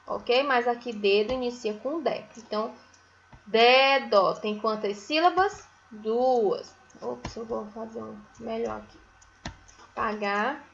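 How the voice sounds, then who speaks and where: A woman's voice: a little high, vocal fry, dull audio, a little hiss or hum. A Brazilian woman teaching a phonics lesson to young children, stretching out syllables and checking in often with little tag questions. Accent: Brazilian Portuguese. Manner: drawn-out syllables, frequent "né?" and "certo?" checks.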